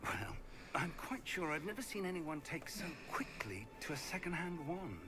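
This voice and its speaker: A man voicing a kindly older wizard professor in video game dialogue, warm and encouraging. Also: fairly high pitch, very animated, normal speed. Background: game music.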